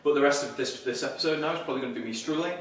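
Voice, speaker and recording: A man's voice: medium pitch, rapid-fire, a bit bright, a little hiss or hum. A man narrating casually while he climbs at an indoor bouldering gym, talking to himself between moves. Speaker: climbing vlogger. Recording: very echoey hall, distant mic, background music.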